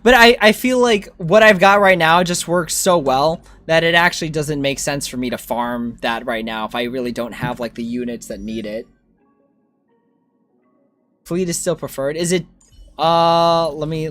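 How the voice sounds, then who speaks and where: A game livestreamer with a medium-pitched voice talks at a normal speed over soft background music. Informal and animated, they think aloud and react to viewers in chat.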